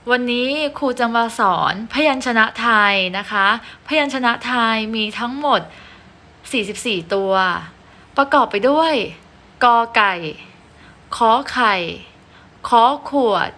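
A woman's voice: on the high side, unhurried, bright, forceful tone. A woman teacher giving a patient classroom reading lesson, reciting letters one by one.

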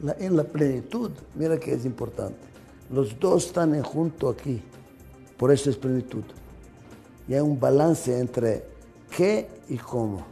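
A man's voice: mid-range voice, animated, unhurried, creaky, dark tone, soft background music. Emphatic older man lecturing. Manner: emphatic and repetitive, with rhetorical questions. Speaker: management lecturer.

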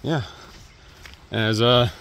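Extremely slow and steady, a thirty-something thru-hiker vlogs on a wooded trail in a medium-pitched voice that's fairly bright, clear and resonant. He rambles and lets sentences fade into fillers, using an earbud mic while holding his phone at arm's length.

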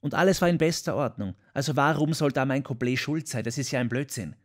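A man voicing an excitable, boastful older songwriter in an audiobook, chatty and quick to defend himself. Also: mid-range voice, pitched above the performer's own voice, close to an everyday voice. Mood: indignant. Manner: chatty, self-defending, emphatic. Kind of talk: audiobook character voice.

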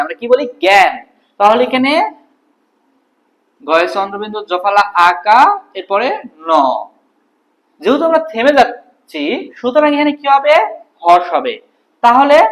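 Lively teacher quizzing students. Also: medium pitch, rough recording. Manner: explains step by step, asks and answers own questions. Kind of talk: classroom grammar lesson.

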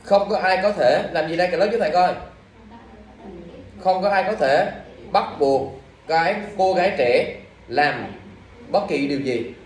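A man's voice: on the high side, normal speed, pauses often, slight background noise. A male teacher, reviewing exam questions in class and quizzing students with repeated questions. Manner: scolding, drilling questions at students. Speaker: English teacher. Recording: echoey room from far off.

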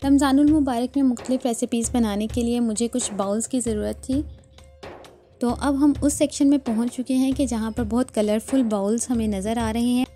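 Calm woman narrating a shopping vlog. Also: on the high side, fairly quick, soft background music. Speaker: vlogger.

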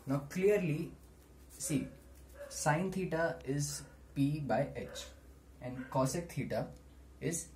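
A young man teaching maths at a whiteboard in a small room, explaining deliberately in short steps. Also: a little high, a little mellow. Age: teens to young adult. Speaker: maths tutor. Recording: noisy small-room camera recording.

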